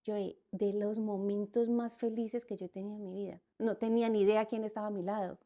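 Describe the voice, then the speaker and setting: A woman appearing as a podcast guest tells a personal story in a warm, steady, medium-pitched voice, speaking a little fast. As she recounts events she repeats words and phrases, and she acts out what people said.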